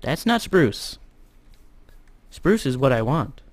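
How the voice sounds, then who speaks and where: A young American man casually commenting on his gameplay, joking around and sometimes shouting loudly. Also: mid-range voice, very animated, takes it slowly, no room sound. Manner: chatty, jokey, bursts into loud shouts. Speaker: gamer.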